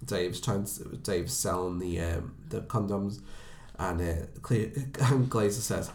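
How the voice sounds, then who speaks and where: A man's voice: sits low, slow, darkish tone. British man rambling about films. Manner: rambling, laughs often, many fillers. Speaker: podcast host. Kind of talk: casual film chat. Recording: roomy echo.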